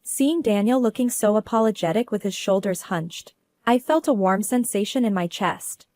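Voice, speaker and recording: A woman telling a first-person story as narrator, in a steady, earnest way. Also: medium pitch, normal speed, no room sound.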